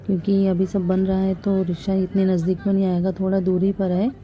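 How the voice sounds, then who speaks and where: A woman from talking casually through her day as a vlogger, chatty and lively around children. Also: mid-range voice, brisk. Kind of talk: casual vlog narration. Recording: phone recording with street noise.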